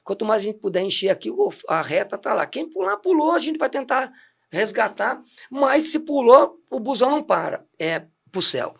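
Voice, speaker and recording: A middle-aged deacon tells his story in a casual, chatty way. His voice sits high for a man, and he laughs often and restarts his sentences. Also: big pitch swings, normal speed, creaky, slightly rough. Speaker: deacon giving testimony. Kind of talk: casual testimony chat.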